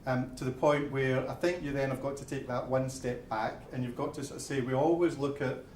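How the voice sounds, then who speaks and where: A Glaswegian building society manager from Scotland gives a presentation and takes audience questions at an event venue, explaining things plainly and step by step. He often restarts sentences with repeated openers, speaking a little fast at medium pitch with fairly even intonation. His darkish voice sounds roomy, with a little hiss or hum.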